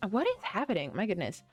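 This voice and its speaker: A woman's voice: medium pitch, a little mellow, highs cut off. A woman streaming a game, chatting casually, rambling and often gushing as she plays. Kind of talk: casual live-stream chat while playing.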